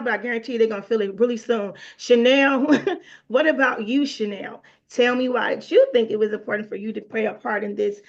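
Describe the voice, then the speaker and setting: A middle-aged woman hosting a casual discussion, her voice sitting a little high for a woman. She talks freely and keeps filling the gaps with "you know". The recording sounds dull and muffled. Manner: conversational, leans on "you know". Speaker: host.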